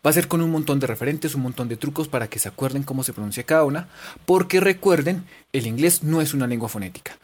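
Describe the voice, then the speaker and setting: A woman's voice: sits low, background noise. A woman teaching English pronunciation in a playful, chatty, encouraging way. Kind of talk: casual online lesson.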